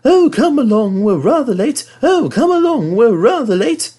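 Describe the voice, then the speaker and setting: A man's voice: very high voice, big pitch swings, moderate pace, mellow, pitched above the performer's own voice, full character voice. A man voicing an impatient, cheeky young male tank engine from a children's storybook, in a huffy sing-song way. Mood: impatient singsong.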